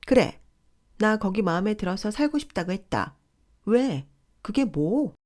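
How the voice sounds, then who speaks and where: A woman voicing a pushy, condescending older sister-in-law who scolds in a shrill, entitled way. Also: expressive, normal speed, darkish tone, close to an everyday voice.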